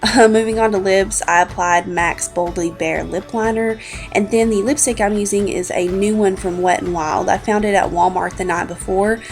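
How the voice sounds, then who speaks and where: Her voice mid-range, steady and at normal speed, though congested and slightly scratchy, a woman in her 20s narrates a makeup routine as a beauty vlogger. The casual tutorial has background music.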